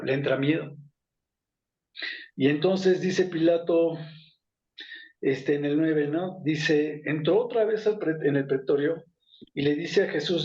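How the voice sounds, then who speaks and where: A man, his voice pitched a little high, leads an informal Bible study. He talks in a loose, conversational way, full of fillers and self-corrections. The sound is echoey and muffled, as if recorded in a hard room on lo-fi gear. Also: darkish tone.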